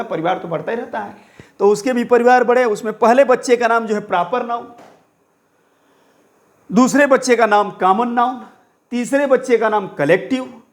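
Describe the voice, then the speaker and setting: A male English teacher with an Indian accent, giving a grammar lesson that mixes Hindi and English. He says example sentences slowly, repeats them, and asks questions that he answers himself. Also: high voice.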